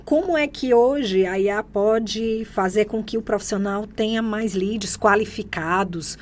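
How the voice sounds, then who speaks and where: A Brazilian Portuguese-accented woman asking interview questions at a mid pitch. She speaks in a measured way, stopping to correct herself. Faint background ambience runs under her voice. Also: a little hiss or hum. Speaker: interview host.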